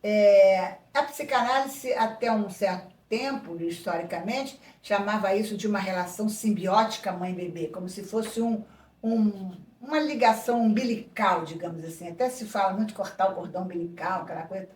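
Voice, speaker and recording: Medium-pitched and a little mellow, this woman talks at a moderate pace as a psychoanalyst guest in an interview. Her reflective explanations wander into plenty of asides, and the echoey room leaves her sounding slightly distant from the mic.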